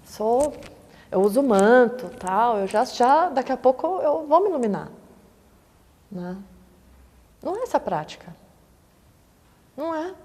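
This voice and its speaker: A Buddhist teacher, a woman, talks to her students in a loose, chatty way, checking in with them after nearly every sentence. Her voice sits a little high for a woman. The recording carries a long hall reverb. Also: big pitch swings, a little slow, long pauses, darkish tone. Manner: conversational, frequent tag questions, acts out quoted voices. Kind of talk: dharma talk.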